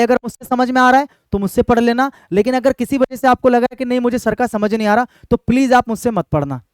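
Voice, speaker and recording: A man's voice: very high-pitched, smooth, no echo. A young man, an exam-prep English teacher, talking earnestly to his students and often checking in with them. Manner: earnest, keeps checking in with "ठीक है?" and "भाई". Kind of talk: direct-to-camera talk to students.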